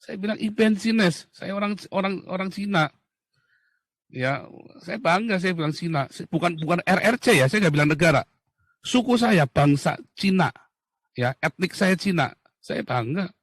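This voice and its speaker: A man from Indonesia talking in a heated, casual monologue, blunt and mocking, swinging from loud outbursts to low muttering. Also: lively intonation, normal speed, dry recording, studio quality. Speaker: talk show speaker.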